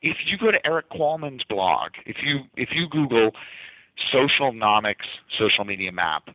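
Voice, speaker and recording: A man's voice: medium pitch, sing-song, moderate pace, no echo. A man with a light Boston accent, a guest in his office explaining his marketing ideas eagerly and often restarting words. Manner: enthusiastic, explanatory, repeats words when restarting. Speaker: guest, marketing agency owner. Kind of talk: casual interview talk. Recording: tinny phone-like line, dry.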